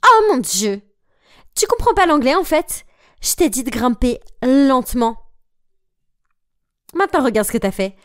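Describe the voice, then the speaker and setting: A woman's voice: on the high side, animated, brisk, lightly acted. A woman voicing a spiteful, bossy popular teenage girl who captains the cheer squad. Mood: taunting. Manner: mocking, bossy.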